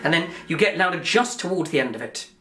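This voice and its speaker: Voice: mid-range voice, expressive, fast talker. A singing teacher, coaching through a song with practical, encouraging asides. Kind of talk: vocal lesson with sung demonstrations. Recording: roomy echo with piano behind. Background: piano.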